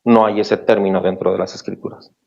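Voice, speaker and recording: Male pastor, sermon, low voice, gravelly, rhetorical questions, dull lo-fi recording. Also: little pitch movement, fairly quick, darkish tone. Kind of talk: sermon and closing prayer.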